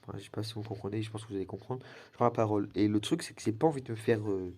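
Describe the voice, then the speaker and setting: A man's voice: fairly low pitch, fairly even intonation, very fast, dark tone. Rambling teen boy with a cracking voice. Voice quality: slightly cracking, wavering voice. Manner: rambling, chatty, lots of fillers and restarts. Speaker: gaming channel host. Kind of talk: casual gameplay commentary.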